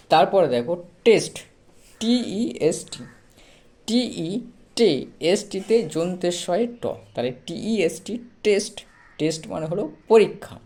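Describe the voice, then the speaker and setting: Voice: mid-range voice, warm tone. A teacher giving a spoken pronunciation lesson, spelling out each word letter by letter and patiently repeating every point. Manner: spells out words letter by letter, then repeats them. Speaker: English teacher.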